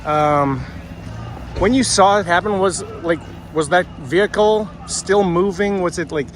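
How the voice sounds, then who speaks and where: A man's voice: high-pitched, a little slow, slight background noise. A man conducting an informal field interview on the street, asking questions in casual, loose phrasing. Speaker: interviewer, reporter. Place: outdoors on a city street.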